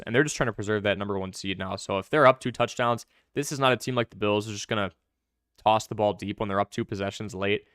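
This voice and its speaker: A young man hosting a live fantasy football stream, answering viewer questions in quick, chatty commentary. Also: fairly low pitch, fairly bright tone, clean tone, no echo, clean studio sound. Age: young adult.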